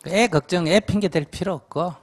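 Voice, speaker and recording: Older male monk, blunt and teasing advisor, slightly high voice. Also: a little fast. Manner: blunt, scolding, with teasing laughs. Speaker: Buddhist monk giving advice. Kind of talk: Q&A dharma talk.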